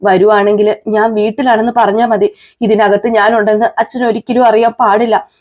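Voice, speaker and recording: A woman reviewer voicing a brave young woman in a hospital bed who reassures her family softly. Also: mid-range voice, level tone, moderate pace, close to an everyday voice. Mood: reassuring.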